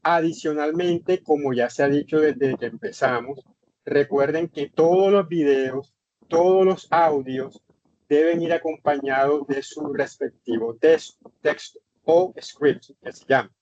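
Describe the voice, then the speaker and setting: A man's voice: fairly high pitch, measured pace, a little mellow. A man lecturing in an online English class, explaining instructions with emphatic repetition. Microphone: computer mic in online session. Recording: dull lo-fi online session audio.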